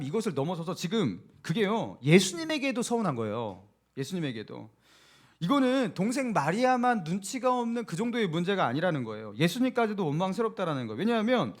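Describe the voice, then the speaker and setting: Animated Korean pastor preaching a sermon. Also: male voice, sits high. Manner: animated storytelling, acting out quotes and asking the congregation questions. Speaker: senior pastor. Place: church sanctuary.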